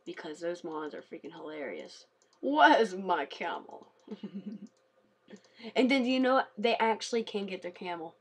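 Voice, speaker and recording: A tired woman giving casual, chatty commentary on a game she is playing, talking quietly and swearing freely. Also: lowish voice, lively intonation, brisk, hardly any pauses, husky. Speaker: let's play gamer.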